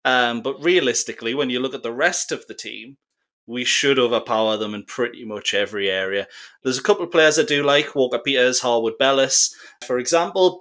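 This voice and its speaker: A man's voice: medium pitch, a bit bright. A man who is a guest on a casual football podcast, with an ordinary mid-range voice. He lays out confident analysis with a dry, sarcastic edge.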